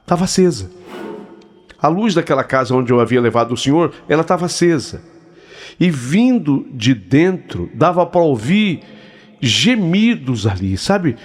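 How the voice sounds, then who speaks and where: Brief: Brazilian male storyteller, higher voice, suspenseful pacing, talks to listeners directly. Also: darkish tone. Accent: Brazilian Portuguese. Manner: slow, suspenseful pauses, direct address to listeners. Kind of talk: first-person spooky story narration.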